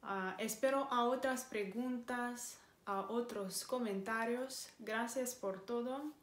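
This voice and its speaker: Slow, careful Moldovan woman vlogger. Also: fairly high pitch. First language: Romanian. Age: 20s. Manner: careful, deliberate, with small pauses and fillers. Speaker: vlogger and English teacher. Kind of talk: casual vlog talk to camera. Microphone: camera mic. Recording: echoey room.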